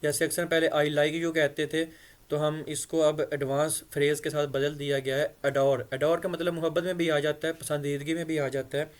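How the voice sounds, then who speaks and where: A man teaches English phrases. He reads each English line slowly and carefully, then explains its meaning at length. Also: on the high side, flat delivery.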